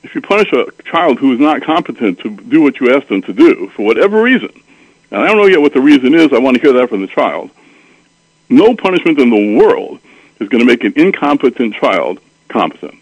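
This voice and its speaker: A man speaks as a parenting author and counselor, laying out his ideas in a calm, explanatory interview answer. His voice sits in an ordinary middle range. The sound is dry and close, with no room echo. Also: medium pitch, a little fast, breathy edge, dull audio. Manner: thoughtful, explanatory, sprinkles Hebrew and Yiddish terms.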